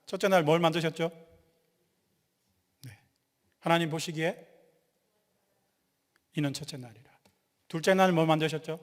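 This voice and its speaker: A male pastor giving a lively sermon, quizzing the congregation and joking with them. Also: a little high. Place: church sanctuary. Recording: long hall reverb.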